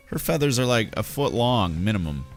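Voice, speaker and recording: A man's voice: medium pitch, big pitch swings, moderate pace, faint music behind. A man from Canada streaming a game, chatting casually and reading game text aloud. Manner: chatty, rambling, light-hearted. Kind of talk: casual let's-play commentary and reading aloud.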